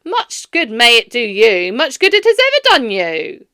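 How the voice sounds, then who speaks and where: A woman voicing a miserly, bitter old man who barks his scorn in loud, indignant outbursts. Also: low voice, measured pace, vocal fry, dry recording, studio quality, voice pushed down, heavily acted. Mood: scornful.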